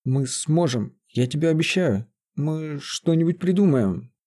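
A man's voice: fairly high pitch, lively intonation, unhurried, warm tone, pitched above the performer's own voice. A man doing an earnest pleading young sorcerer. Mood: reassuring. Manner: urgent, pleading.

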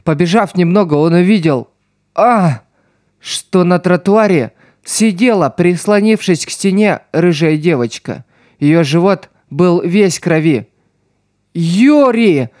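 Male narrator, audiobook, slow measured reading, dry close sound. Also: sits high, darkish tone, no echo. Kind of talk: scripted narration.

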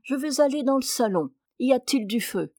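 A woman's voice: high voice, lively intonation, normal speed, darkish tone, no echo, pitched above the performer's own voice. A woman reading aloud, voicing a weary, mildly sarcastic husband who grumbles under his breath. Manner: dry, grumbling. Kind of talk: audiobook character reading.

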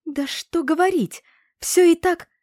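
A woman reading a novel aloud, voicing a hostile village woman, the headman's wife, in a shrill, scornful voice. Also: expressive, normal speed, warm tone, dry recording, studio quality.

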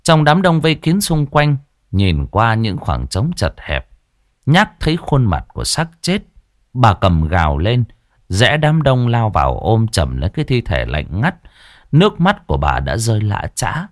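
Low-voiced man telling a ghost story. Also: unhurried, no room sound, studio quality. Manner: dramatic, animated storytelling.

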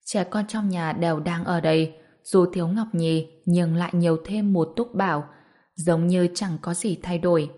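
A woman narrating a storybook in a calm, steady reading voice. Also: lowish voice, moderate pace.

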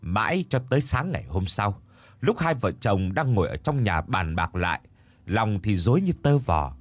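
A man narrating a scripted ghost story in a dramatic, expressive manner. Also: on the low side, moderate pace, no echo.

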